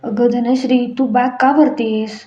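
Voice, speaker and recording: A woman's voice: on the high side, steady tone, a little slow, mellow, close to an everyday voice. A woman voicing a caring, protective young husband who speaks in a concerned, coaxing tone. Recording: echoey room, dull sound, faint music.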